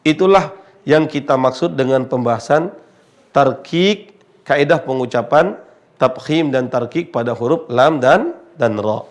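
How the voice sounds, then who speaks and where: Slow, patient male recitation teacher. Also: medium pitch. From Indonesia. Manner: patient, repeats points with drawn-out example sounds. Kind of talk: Islamic TV lesson.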